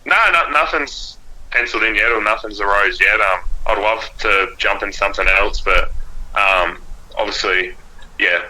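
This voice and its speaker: A man with an Australian accent and a lowish, very sharp, bright voice. He talks casually as an interview guest, plain-spoken and a little hesitant as he works through his answers. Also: normal speed, low-quality recording. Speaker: guest, race driver and car graphics designer. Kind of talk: casual podcast interview chat.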